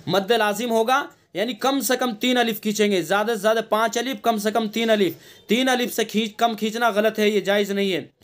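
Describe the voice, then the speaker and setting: High-voiced man teaching Quran recitation. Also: steady tone. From India. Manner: explains rules patiently, then recites verses slowly and drawn-out; repeats sounds as drills to correct mistakes. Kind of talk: online Quran recitation lesson.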